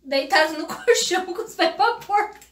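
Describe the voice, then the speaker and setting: A woman's voice: very high voice, animated, normal speed. A young Brazilian woman hosting a family vlog, talking casually and animatedly straight to her viewers. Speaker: vlog host, the daughter. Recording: echoey home room.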